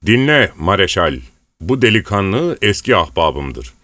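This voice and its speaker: A man voicing a boisterous, commanding male rebel leader in a bantering, loud manner in an audiobook. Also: low-pitched, big pitch swings, unhurried, no room sound, exaggerated voice.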